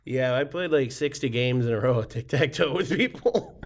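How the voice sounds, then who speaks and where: A man co-hosting a casual beer podcast, animated and quick to laugh. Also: medium pitch, a little hiss or hum. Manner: animated, laughs often, excitable. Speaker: podcast co-host.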